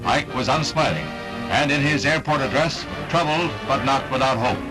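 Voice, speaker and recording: A man's voice: medium pitch, moderate pace, rough recording. A man narrating an old newsreel in an emphatic, dramatic announcing manner. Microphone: studio voice-over. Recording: narration over loud orchestral music.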